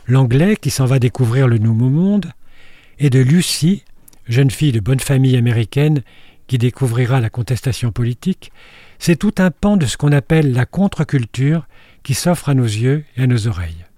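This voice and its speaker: A man's voice: mid-range voice, lively intonation, moderate pace, mellow, no room sound, clean studio sound. An older man reading a wry, scripted film column on the radio, with storytelling asides.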